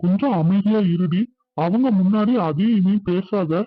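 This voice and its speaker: A man's voice: sits high, normal speed, phone-quality sound. Man voicing earnest village family men. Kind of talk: cartoon dubbing.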